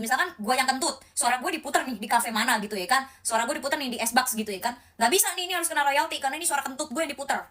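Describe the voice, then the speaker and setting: A woman's voice: high-pitched, fairly bright tone. A woman giving a casual, exasperated commentary rant, rambling and searching for words.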